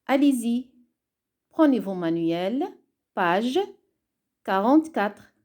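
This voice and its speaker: A woman teaching a reading lesson online, deliberate and spelling things out step by step. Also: a little high, animated, darkish tone. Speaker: primary school teacher.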